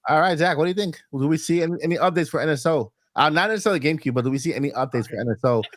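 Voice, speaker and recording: A man hosting a casual podcast chat, animated, laughing as he talks and repeating his words. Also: on the high side, rapid-fire, no room sound, clean studio sound. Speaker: podcast host.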